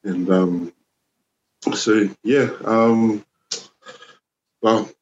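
A man in his forties from New Zealand, a youth worker chatting as a podcast guest, relaxed and rambling with lots of "you know" and "man". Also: on the low side, extremely slow, lo-fi sound, a little hiss or hum. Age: 40s. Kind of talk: casual conversation.

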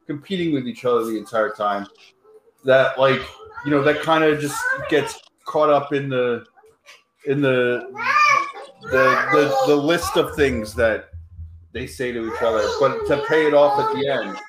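A man co-hosting a casual podcast about a movie, halting and searching for words, repeating himself. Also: medium pitch. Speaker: podcast co-host. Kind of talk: casual movie-discussion chat. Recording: roomy recording with faint background noise.

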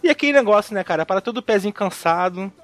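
A man's voice: high-pitched, expressive, fast talker, a crowd in the background. A man with a Brazilian Portuguese accent hosting a casual football podcast, talking in a joking, colloquial way full of tag questions. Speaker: podcast host.

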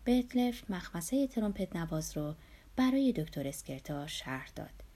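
A woman narrating a novel as an audiobook, in a steady, even storytelling manner. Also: lowish voice.

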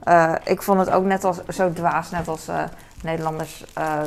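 Brief: mother in her forties with a Hong Kong accent, low gravelly voice, wandering chores chat. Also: flat delivery, normal speed, a little hiss or hum. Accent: Hong Kong Cantonese. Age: 40s. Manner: rambling, lots of fillers. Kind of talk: casual chat while doing chores.

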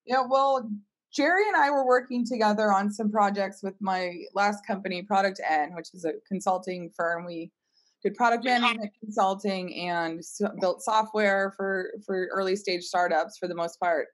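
In a low-quality recording, a woman with a mid-range voice speaks at normal speed as a startup founder being interviewed. She tells stories casually and conversationally, voicing her own past reactions.

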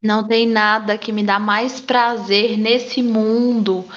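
A woman's voice: a little high, flat delivery, slow. A woman guest on a podcast, chatting expressively and casually. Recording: dull lo-fi mic.

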